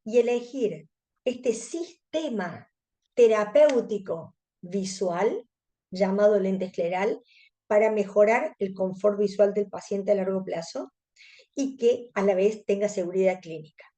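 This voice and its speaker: Her unhurried, mellow, mid-range voice carries a Cordobese accent; she is a contact lens specialist from Córdoba, Argentina. Presenting an educational webinar, she explains things to fellow specialists.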